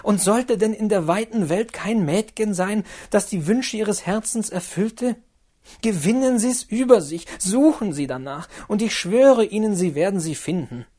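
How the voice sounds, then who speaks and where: Guy doing an earnest young woman in a storybook reading, begging, slow, goes way up high. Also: animated, mellow. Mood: urging. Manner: imploring, rising to a high urgent pitch. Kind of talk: audiobook character reading.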